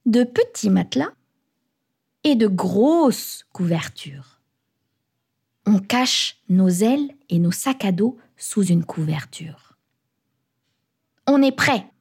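Husky woman telling a kids' story, playful, bouncy pitch. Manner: expressive, playful, childlike first-person telling. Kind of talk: children's storybook narration.

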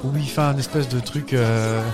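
A man's voice: medium pitch, steady tone, normal speed, music in the background. A man co-hosting a podcast in casual chat, playful and joking, rambling from one aside to the next. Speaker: podcast co-host.

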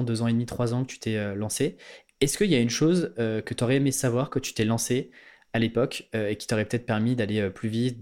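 A man's voice: medium pitch, a little mellow. Rambling casual male podcast host. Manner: casual, rambling, many fillers and restarts. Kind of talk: podcast interview.

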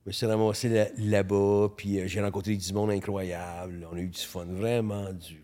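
Quebec French man, late fifties, animated guest storyteller who stammers and swears freely. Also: on the low side, moderate pace. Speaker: photographer guest. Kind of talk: casual interview chat.

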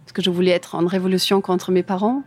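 Speaking fast in a fairly low voice with little pitch movement, a woman from Germany answers interview questions about her furniture design career. She's a native German speaker using imperfect French casually, with a German accent, and often hunts for the right word.

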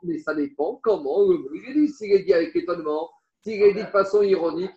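A man's voice: high voice, quick pace. A man teaching a Talmud class to students, explaining with rhetorical questions and Aramaic terms mixed into his talk. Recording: roomy, dull lo-fi class recording.

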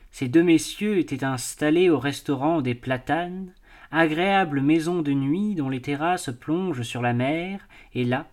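Expressive man reading a classic novel. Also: fairly high pitch. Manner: measured, expressive literary reading. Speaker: audiobook reader. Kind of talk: scripted narration.

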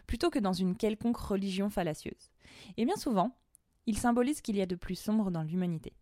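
A woman hosts a laid-back tarot podcast, joking and dropping bits of English slang as she goes. Her voice is soft and mellow. It sits close and dry, with almost no room sound around it. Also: medium pitch, no room sound. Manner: playful and slangy, mixing in English words. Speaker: podcast host and tarot reader. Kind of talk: casual podcast chat.

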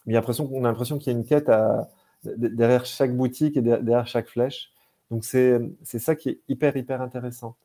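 Enthusiastic man with a mellow voice. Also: medium pitch, fairly even intonation, quick pace. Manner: enthusiastic, restarts and repeats words. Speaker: game designer and translator. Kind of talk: casual chat.

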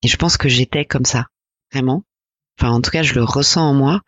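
A woman in her forties from France, a podcast guest talking reflectively and hesitantly about her life, with many pauses and fillers. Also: a bass voice, a bit bright, no echo. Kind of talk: personal interview conversation.

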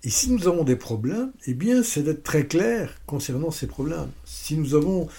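A man's voice: on the high side, normal speed, creaky. A man presenting a business lesson step by step, with playful, self-mocking asides. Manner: steady step-by-step explaining.

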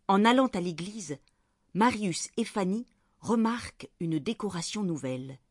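A woman reading a Christmas children's story aloud in a clear, gentle, measured way. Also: mid-range voice, animated, dry recording, studio quality. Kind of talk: storybook narration read aloud.

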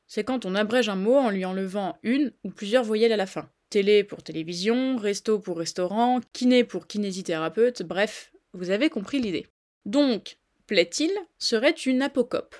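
A woman's voice: medium pitch, moderate pace, darkish tone. A woman hosting a scripted podcast, explaining a phrase in a playful, chatty way and talking straight to the listeners. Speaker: podcast host.

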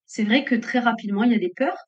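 Middle-aged woman, entrepreneur guest, reflective and earnest, fairly high voice, muffled lo-fi sound. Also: fast talker. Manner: reflective, earnest, speaks in bursts of ideas. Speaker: entrepreneur and author, interview guest. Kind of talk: casual interview conversation. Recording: muffled lo-fi audio.

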